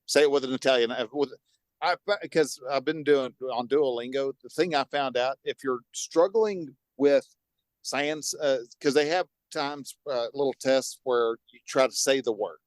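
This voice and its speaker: A man co-hosting a podcast in casual chat, animated and quick to laugh. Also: mid-range voice, no echo. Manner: animated, laughs often, jumps between topics. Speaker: podcast co-host.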